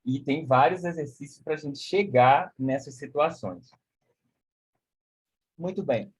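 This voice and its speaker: A man's voice: on the high side, takes it slowly, slightly rough. A man giving a live online music lesson, explaining concepts with many "né?" and singing solfège syllables. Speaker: music teacher. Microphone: video call.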